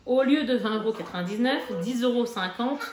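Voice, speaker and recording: A chatty mother vlogs a casual haul, sounding chummy and using lots of fillers. She speaks fairly quickly in a somewhat high voice, recorded in an echoey room with background noise.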